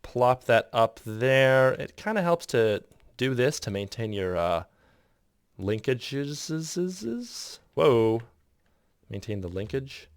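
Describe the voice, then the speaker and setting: A man talks through an editing tutorial in a loose, rambling voice-over, breaking off mid-thought and chuckling at himself. His pitch bounces around a lot. The recording is close and dry, with no room sound. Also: big pitch swings, slow pace, smooth, dry recording. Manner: rambling, self-interrupting, chuckling asides. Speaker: video editor explaining his process.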